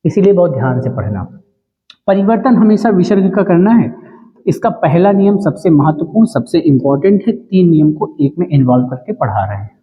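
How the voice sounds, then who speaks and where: Teaching grammar for an exam, this fairly high-voiced man restates every rule, keeps testing the listener, and stretches each example word syllable by syllable. His pitch swings widely, and the sound is tinny and lo-fi with a long, ringing echo.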